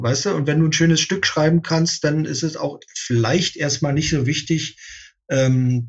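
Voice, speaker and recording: A man's voice: fairly high pitch, lo-fi sound. A man speaking as an interview guest, composer, in casual talk, thoughtful, with many fillers and restarts.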